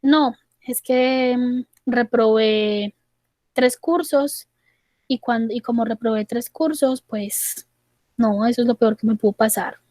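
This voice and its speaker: A woman's voice: fairly high pitch, steady tone, takes it slowly, a little mellow, no room sound, clean studio sound. Woman quoting an anxious young man catastrophizing. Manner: insistent, repeating the worst-case fear.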